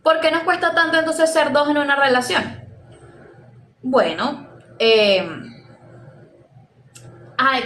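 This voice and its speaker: A woman's voice: high voice, a bit bright. A woman with a Venezuelan Caribbean Spanish accent gives an informal lecture as a teacher, conversational and hesitant, often rephrasing and checking in with listeners. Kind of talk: informal lecture, explaining to students. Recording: echoey room with faint background noise.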